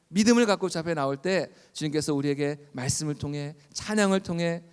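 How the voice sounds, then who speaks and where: A man preaching with a high, smooth and resonant voice. He talks earnestly and fervently. His words carry a long hall reverb, as in a church sanctuary. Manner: earnest, builds to loud fervent pleas when voicing biblical cries. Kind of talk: sermon.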